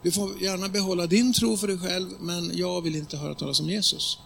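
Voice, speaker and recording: Preacher voicing a defiant male healer, gravelly and bright, plain delivery. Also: high voice, steady tone, a little hiss or hum. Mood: dismissive. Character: skeptical man, a new age healer.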